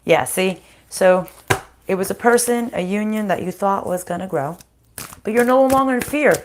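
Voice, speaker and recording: A woman hosts an improvised spiritual reading in an everyday middle pitch. Her voice is groggy and slightly hoarse, as if getting over a cold. She talks casually and haltingly, working out each message aloud. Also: a little hiss or hum. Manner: halting, thinking aloud, conversational. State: groggy, recovering from voice loss and sinus infection. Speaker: spiritual card reader hosting a live reading.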